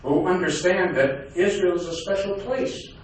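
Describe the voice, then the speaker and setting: An older man giving a speech to a community audience, halting with many fillers and restarts. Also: high-pitched. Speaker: guest speaker. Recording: echoey hall from far off.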